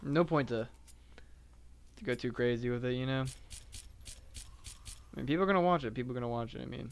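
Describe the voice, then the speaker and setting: A man live-streaming a game, chatting casually in a self-described monotone with lots of filler words. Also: mid-range voice, a little fast, vocal fry, muffled recording, slight background noise. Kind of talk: casual live-stream chat while playing.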